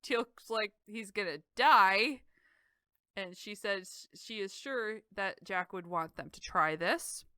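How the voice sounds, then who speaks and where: A woman's voice: medium pitch, takes it slowly, hardly any pauses, bright, forceful tone, smooth, no echo. A woman co-hosting a podcast, wryly retelling an episode's scenes in casual chat with frequent laughs. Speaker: podcast co-host.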